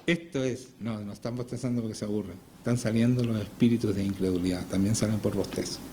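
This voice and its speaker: A man's voice: lowish voice, steady tone, fast talker, dark tone, a little hiss or hum. A man preaching a Sunday sermon in church, often putting rhetorical questions to his congregation. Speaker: pastor. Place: church service.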